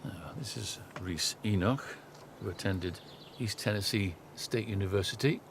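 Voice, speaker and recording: A man's voice: on the low side, normal speed, background noise. A man giving live golf commentary in short, descriptive phrases.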